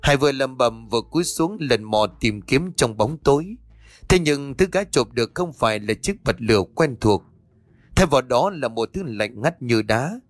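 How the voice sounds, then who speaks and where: A man narrating a horror audiobook at a steady storytelling pace. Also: medium pitch, normal speed, no echo, soft background music. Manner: steady storytelling, voices each character.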